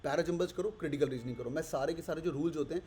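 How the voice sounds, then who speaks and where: A young adult man who teaches an exam course and is pitching it with energy, switching quickly between languages and voicing his students' questions. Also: dark tone. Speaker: CAT coaching teacher.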